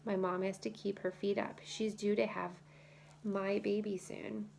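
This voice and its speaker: A woman's voice: mid-range voice, level tone, a little slow, vocal fry, a little mellow, slight background noise. A woman voicing a small, blunt, chatty girl who speaks matter-of-factly.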